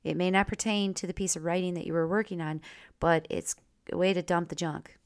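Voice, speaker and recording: Lady doing her podcast, voice kinda wavers and drifts up and down in pitch, gravelly, dry close sound. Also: steady tone, a little fast, no echo. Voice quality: wavering voice that wanders in pitch and goes in and out. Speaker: podcast host. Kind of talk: personal podcast talk and storytelling.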